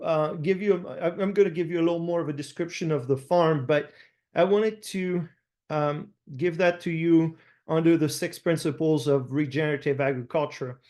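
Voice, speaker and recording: Middle-aged French-accented man, fairly high voice, halting webinar talk, webcam sound. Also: a little mellow. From France. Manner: halting, many "uh" fillers and restarts. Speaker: farmer presenting a webinar. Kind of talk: online presentation with slides. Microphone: video call webcam.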